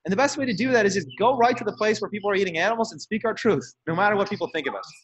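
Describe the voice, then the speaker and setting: Fast-talking man telling activist stories. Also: sits high, slight background noise, poor audio. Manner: animated, laughs often, frequent restarts. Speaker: activist speaking on a donor call. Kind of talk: casual storytelling.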